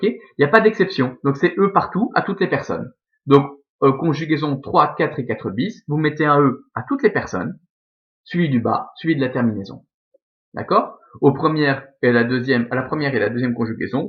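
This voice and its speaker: A man's voice: medium pitch, highs cut off. A man teaching a Latin grammar lesson, explaining patiently step by step and checking in with his students.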